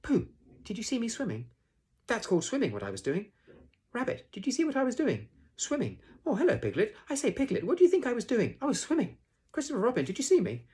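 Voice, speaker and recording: A tiny storybook kangaroo child, squeaks in a very high voice. He is eager, boastful and swoops about with excitement. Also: brisk, few pauses. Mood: excited. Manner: eager, boastful, repeating himself. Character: excitable, proud little baby kangaroo boy. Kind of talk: children's storybook character reading.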